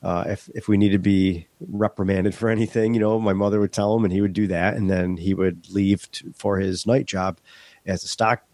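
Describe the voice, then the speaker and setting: With a deep, flat, slightly mellow voice at normal speed and no echo, a middle-aged man from Western New York talks openly as a guest on a podcast. His nose is blocked from a head cold, and his casual interview chat is full of restarts.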